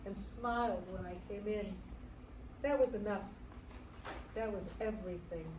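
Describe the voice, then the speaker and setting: An actress in a staged theatre reading playing a devoted American single mother recalling her adopted daughter, in a tender, measured monologue. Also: a little high, a little mellow. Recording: roomy stage sound from far off, faint noise.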